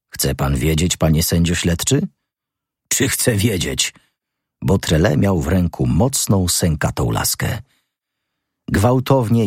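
A man narrating a novel aloud in an expressive storytelling manner. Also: husky, no room sound, studio quality. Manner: expressive storytelling with wide pitch swings. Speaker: audiobook narrator. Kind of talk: scripted literary narration.

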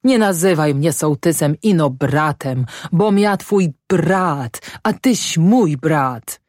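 A woman reading an audiobook and voicing a drunk, tearful older village headman who pleads and sobs, pitched higher than her own voice. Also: animated, slow, darkish tone, no echo, clean studio sound, heavily acted. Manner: tearful, pleading, self-abasing. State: sobbing, drunk.

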